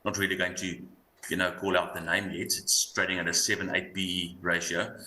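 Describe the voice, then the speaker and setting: A low-pitched, bright-edged man speaks with a broad Afrikaans South African accent. He talks markets off the cuff, stopping and doubling back on words. The room is echoey with faint noise. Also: flat delivery. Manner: halting, repeats words as he thinks. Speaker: investment analyst guest. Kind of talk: unscripted market commentary. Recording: roomy echo, light background noise.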